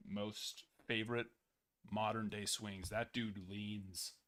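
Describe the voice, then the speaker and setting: In a lowish voice, taking it slowly, a young male host keeps a live card break casual. Numbers come out in a steady list while his worn voice is on its way out.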